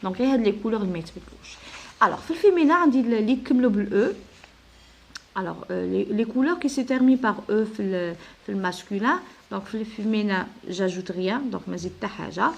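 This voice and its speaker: A woman teacher with an Algerian Arabic accent, explaining a French exam to pupils, switching between Arabic and French and slowly dictating French sentences. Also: medium pitch, creaky, darkish tone. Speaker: primary school teacher.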